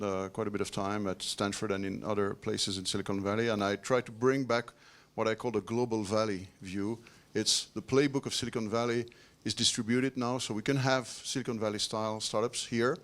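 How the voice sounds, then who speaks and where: A man, a venture investor introducing himself on a conference panel, halting and repeating words. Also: on the low side. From Belgium.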